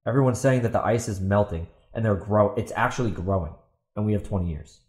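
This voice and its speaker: In a roomy, echoey recording, a podcast host rants on his own, partly reading a post aloud, in a combative, exasperated and blunt way with plenty of repetition. He has a lowish, darkish voice and speaks fairly quickly.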